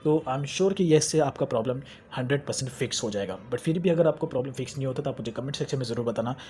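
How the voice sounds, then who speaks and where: Young male tech tutor, rapid chatty delivery, mid pitch, faint room hum. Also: darkish tone. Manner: chatty, repeats phrases, mixes English terms into Hindi. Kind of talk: screen-recorded how-to tutorial.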